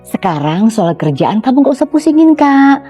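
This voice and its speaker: A woman's voice: high-pitched, sing-song, normal speed, breathy edge, faint music behind, exaggerated voice. A woman playing a fussy middle-aged mother who scolds and teases her grown daughter in a comedy sketch. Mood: bossy. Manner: loud, nagging, teasing.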